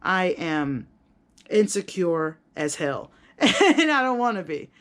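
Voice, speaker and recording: A very animated woman with a lowish voice speaks at a slow pace, chatting casually with viewers as a video blogger and content creator. The talk is rambling and candid, full of self-deprecation, slang and casual swearing.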